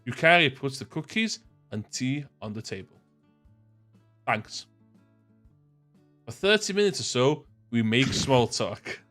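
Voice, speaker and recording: A man's voice: medium pitch, big pitch swings, unhurried, long pauses, a bit bright, soft background music. A man with a North Wales accent reading a visual novel aloud, mixing in casual, jokey banter. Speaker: gaming video host.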